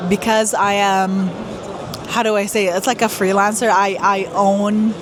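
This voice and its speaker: A young woman from Iraq giving candid, casual interview answers, halting often with fillers. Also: medium pitch, flat delivery, background noise. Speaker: guest performer. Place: busy trade fair hall. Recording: loud crowd chatter behind.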